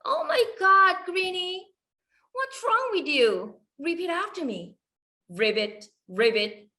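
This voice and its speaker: A woman voicing a fussy mother frog in a children's storybook, scolding her son with exaggerated croaks. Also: very high-pitched, big pitch swings, very slow, bright, forceful tone, distant mic, voice pushed up, full character voice. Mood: exasperated.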